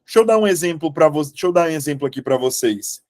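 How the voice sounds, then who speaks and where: A man's voice: a little high, expressive, fast, a little mellow. A Brazilian man teaching Portuguese grammar in an online exam-prep lesson, chatty and checking in with his students all the time. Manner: chatty, asks "beleza?" often, calls students "meus amores".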